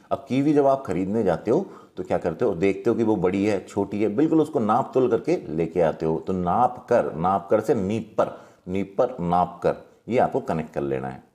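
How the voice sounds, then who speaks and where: A man, teaching general-knowledge memory tricks in a lively storytelling way. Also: on the low side. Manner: lively, storytelling, acts out little quotes.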